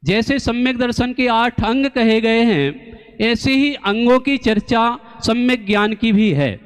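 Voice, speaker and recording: A man giving a slow, deliberate religious discourse, teaching through rhetorical questions and pauses. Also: extremely high pitch, clean tone. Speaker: Jain scholar and preacher. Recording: long hall reverb.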